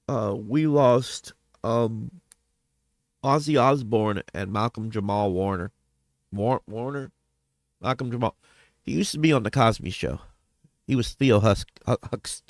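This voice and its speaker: Man, lowish voice, casual vlog update, rambling, self-correcting, dry. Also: lively intonation, unhurried, dry recording. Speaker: vlogger.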